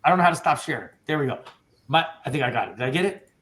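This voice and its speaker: Speaking very fast at a medium pitch, the insurance agency owner coaches his agents on a video call. He's energetic, casual and excited, calling them "dude" and "bro."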